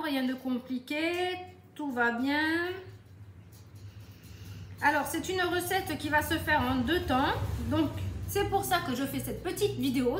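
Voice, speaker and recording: A woman with a southern French accent chats through a cooking demo, talking straight to her viewers. Her voice sits high and her delivery is slow and easygoing. She is recorded in an echoey home kitchen with faint noise underneath. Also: fairly bright tone. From southern France. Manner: chatty, addresses viewers directly. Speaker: Tupperware demonstrator. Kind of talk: casual cooking tutorial.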